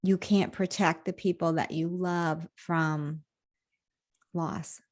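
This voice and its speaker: A woman's voice: fairly low pitch, steady tone, takes it slowly, a little mellow. A woman hosting a podcast, reflective and supportive in casual conversation, laughing often. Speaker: podcast host.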